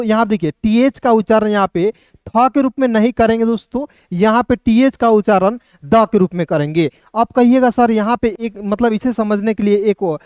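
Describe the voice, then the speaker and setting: A man's voice: sits high, a little mellow, clear, resonant tone, no room sound, studio quality. A man teaching beginner English phonics, asking and answering his own questions over and over.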